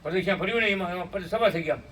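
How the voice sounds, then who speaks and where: The speaker is a high-pitched, somewhat bright man preaching at a satsang, his voice well back from the mic amid faint room noise. He recounts a story, slowly chants hymn lines, and keeps asking listeners "hum?".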